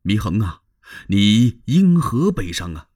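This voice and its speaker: A man telling a traditional story, voicing a composed, stern male court advisor who speaks in a commanding, measured way. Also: on the low side, very animated, a little mellow, heavily acted. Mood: questioning.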